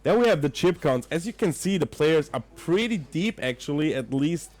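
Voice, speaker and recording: Commentating live poker and talking with his chat, this young Austrian man speaks non-native English with an Austrian German accent, occasionally groping for words. His fairly high voice is expressive and a little mellow, delivered at a normal speed.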